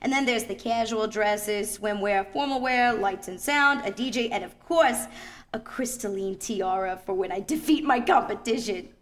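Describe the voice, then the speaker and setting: A woman's voice: medium pitch, moderate pace, natural voice. A woman voicing a vain, scheming middle-aged female skate crime boss in a comedic radio play, theatrical and grandiose. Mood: boastful.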